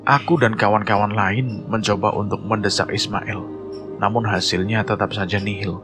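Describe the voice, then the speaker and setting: A man telling a horror story in measured, suspenseful scripted narration, with music playing behind. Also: lowish voice, fairly even intonation.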